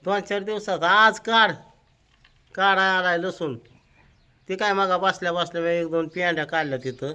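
A man's voice: high-pitched, moderate pace, pushed and bright, clear, resonant tone. An older man, giving scolding, practical farm instructions to the family. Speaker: farming elder of the family.

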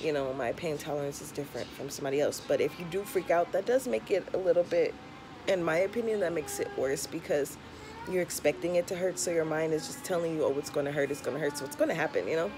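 Talking fast over music, a young woman vlogger with a low-sitting voice and a slight tongue-piercing lisp gives frank, casual advice to camera. She records at home on a camera or phone held at arm's length, and the background noise is clear.

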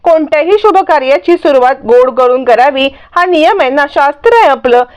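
A woman voicing a sharp-tongued mother who defends her kitchen with indignant, scolding lines. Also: sits high, a little fast, lightly acted.

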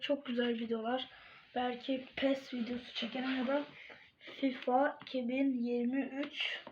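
A woman chatting casually to viewers in an ASMR-like style, softly murmuring and often dropping close to a whisper. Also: sits high. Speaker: video creator talking to viewers. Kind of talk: casual vlog chat while playing with slime, ASMR-like. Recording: dull lo-fi home recording, faint noise, clicking.

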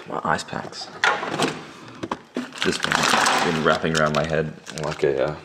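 A young adult man with a swollen, sore jaw, rambling casually and deadpan to a handheld camera at home. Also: rumbling low, background noise. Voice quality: gravelly, creaky voice. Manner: deadpan, dryly joking. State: swollen, sore jaw after wisdom teeth removal. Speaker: vlogger. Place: indoors at home. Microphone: handheld camera at arm's length.

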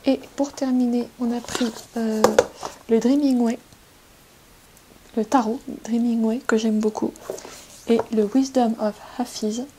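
Gentle, unhurried woman reading tarot. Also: on the high side, fairly even intonation, a little hiss or hum, low-quality recording. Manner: gentle and unhurried, with many pauses. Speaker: tarot card reader.

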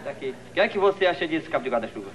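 A man's voice: a little high, sing-song, racing, noisy background. An actor playing a cheeky, lazy male office assistant in a slapstick TV comedy sketch, with mock-naive misreadings and playful wordplay.

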